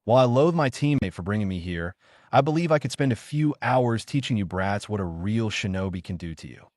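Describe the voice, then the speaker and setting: A brash teenage ninja boy taunts and threatens in a fairly low voice, read out by a man. It is a plain storybook reading with dry, close sound. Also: expressive, a little fast, a little mellow, no room sound, close to an everyday voice. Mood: menacing.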